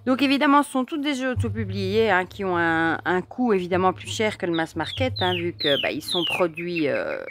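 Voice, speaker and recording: Chatty woman with a lowish voice, birdsong behind. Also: big pitch swings, moderate pace, hardly any pauses, background noise. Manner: chatty and enthusiastic, many fillers and repeated words. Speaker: tarot deck reviewer. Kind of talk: casual show-and-tell to camera.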